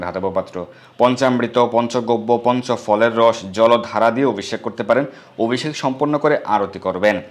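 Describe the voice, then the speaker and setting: A man giving step-by-step instructions for a home worship ritual, in a measured teaching manner, slowing down to recite mantras. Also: mid-range voice. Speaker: religious teacher.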